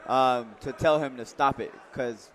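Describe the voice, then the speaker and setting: A man's voice: mid-range voice, steady tone, a little slow, poor audio. A man giving live, conversational boxing commentary, thinking aloud and repeating words as he goes.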